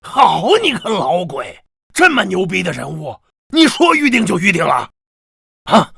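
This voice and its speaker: An actor playing a gruff, excitable older rich man who talks loud and blunt, with a gravelly, husky voice. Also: sits high, a little slow, no room sound, studio quality, heavily acted.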